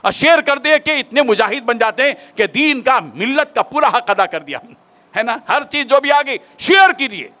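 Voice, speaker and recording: A man's voice: very high voice, lively intonation, moderate pace, sharp tone. A male maulana delivering an emphatic, moralizing storytelling sermon. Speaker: maulana preacher.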